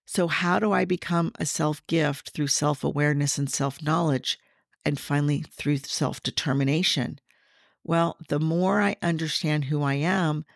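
A middle-aged woman hosting a faith podcast, sharing personal reflections in an earnest, gently teaching way. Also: low-pitched, creaky, no room sound, clean studio sound. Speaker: podcast host.

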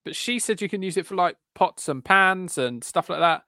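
A man's voice: high-pitched, expressive, moderate pace, sharp tone, no echo, studio quality. A man hosting a casual podcast, chatty and moving through listener questions. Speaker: podcast host. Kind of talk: casual chat.

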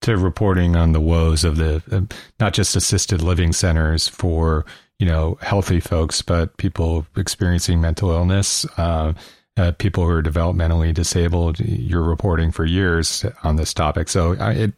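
A very low-voiced male host asks measured questions in a casual radio interview, with a few fillers along the way. The sound is dry and close, with no room in it at all. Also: steady tone, darkish tone, no echo.

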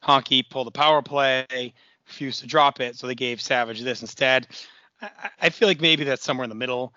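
A man with a hoarse, raspy, worn-out voice, talking casually as a podcast co-host. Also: mid-range voice, a little fast, bright, forceful tone, no echo, lo-fi sound. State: hoarse, voice nearly gone, throat-clearing. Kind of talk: casual conversational podcast talk.

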